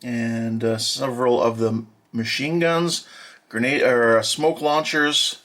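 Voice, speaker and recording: A man walking through an unboxing as a hobby model builder, talking in a plain, matter-of-fact way with many filler pauses. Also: medium pitch, fairly even intonation, a bit bright. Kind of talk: unboxing walkthrough.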